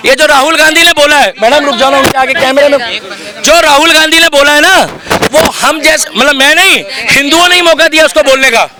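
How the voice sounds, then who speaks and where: A man giving his opinion in a heated street debate, forceful and argumentative, talking over others. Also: extremely high pitch, fairly quick, a crowd in the background, noisy background. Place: busy city street outdoors.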